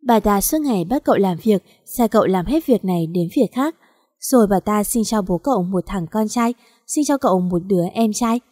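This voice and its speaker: A woman narrating a sad story in a slow, mournful reading style. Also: mid-range voice, expressive, mellow, no echo, studio quality. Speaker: audiobook narrator.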